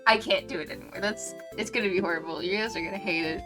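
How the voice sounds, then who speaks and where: Over music, a woman chats quickly in a mid-range voice while streaming and reading through a visual novel. Her live commentary is casual, gushing, and self-deprecating.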